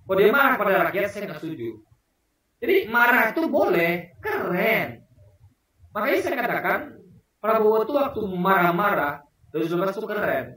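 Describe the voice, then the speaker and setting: A man with a high voice talks straight to his viewers in a loose, emphatic commentary, throwing out rhetorical questions. He sounds distant from the mic, and the room rings with heavy echo. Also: bright, forceful tone. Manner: emphatic, rhetorical questions, keeps addressing the audience. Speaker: political commentator. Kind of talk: casual spoken commentary to viewers. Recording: very echoey room, voice far from the mic.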